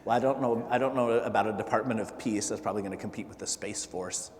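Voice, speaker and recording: Speaking in a fairly low, darkish voice, a political candidate talks to a gathered town hall crowd, stumbling through many fillers and restarts. The hall is echoey with long reverb, and a faint noise hiss runs underneath.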